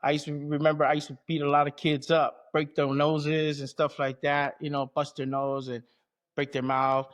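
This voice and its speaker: His voice is fairly high, delivered completely flat at normal speed. This athlete from American Samoa and Southern California speaks in a casual, colloquial interview, often adding check-ins like "you know what I mean."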